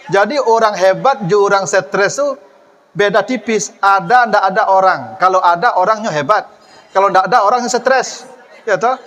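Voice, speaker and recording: A man preaching a humorous sermon, joking with and questioning his congregation as he talks. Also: sits high. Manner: lively, joking, addresses the audience directly.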